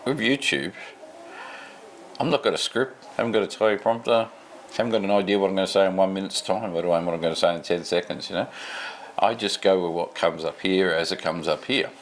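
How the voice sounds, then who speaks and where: Speaking briskly in a low-pitched voice, a weary middle-aged Australian drifts from topic to topic in an unscripted nighttime home vlog. He comes across as laid-back and self-mocking, with slight background noise in the clip.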